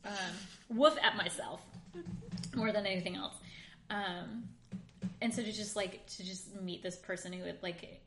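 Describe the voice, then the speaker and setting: A woman's voice: medium pitch, fairly even intonation, a little slow, background noise. A woman in her late twenties telling a long, rambling, self-deprecating story as a podcast co-host, full of "like" fillers. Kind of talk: casual storytelling chat. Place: home room in Queens. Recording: roomy echo.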